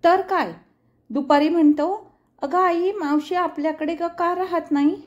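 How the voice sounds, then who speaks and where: A fond young mother, voiced by a woman storyteller, chatting animatedly about her little son. Her voice is high and amused. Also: fairly even intonation, measured pace, muffled recording. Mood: chatty.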